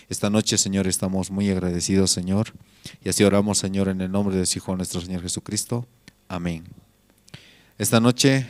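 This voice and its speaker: Deep flat-voiced Bolivian man praying. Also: no echo. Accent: Bolivian Spanish. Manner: repetitive prayer cadence, frequent "Señor" interjections. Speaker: pastor leading prayer. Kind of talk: church prayer service.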